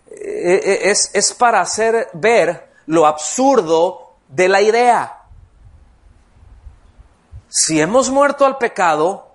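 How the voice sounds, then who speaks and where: Male pastor with a high voice, teaching with frequent questions to the congregation. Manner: conversational, asks the congregation questions, acts out voices. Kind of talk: expository Bible teaching sermon.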